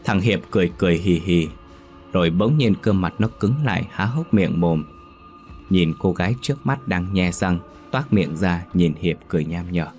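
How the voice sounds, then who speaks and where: A man narrating a scripted ghost story in a steady storytelling manner. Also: sits low, moderate pace, faint music behind.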